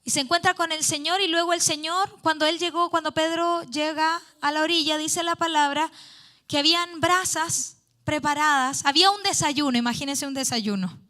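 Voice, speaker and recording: A woman's voice: high-pitched, normal speed, sharp tone. A woman preaching a youth sermon in church, reading scripture aloud and explaining it earnestly. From Chile.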